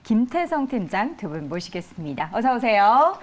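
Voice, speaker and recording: A woman hosting a TV market talk show, guiding guests with quick questions. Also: fairly high pitch, big pitch swings. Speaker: TV show host. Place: TV studio.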